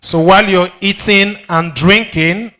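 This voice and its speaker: A man with a Nigerian accent hosting a live event, joking and teasing the crowd and often shouting. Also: high-pitched, steady tone, unhurried. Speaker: master of ceremonies. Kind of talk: lively event hosting with banter.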